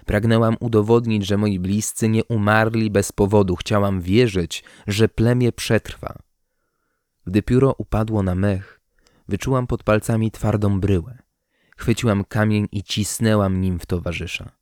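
A male narrator reading a story aloud in an audiobook, calm and measured in his delivery. His voice sits fairly low, and the recording is dry and close, with no room sound. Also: dry recording.

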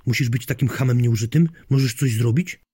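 A man's voice: on the low side, animated, normal speed, mellow, slightly rough, no echo, studio quality. A man voicing a grumpy, cursing grandmother in an audiobook story, snapping and muttering. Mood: spiteful. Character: grumpy foul-mouthed grandmother obsessed with a mole.

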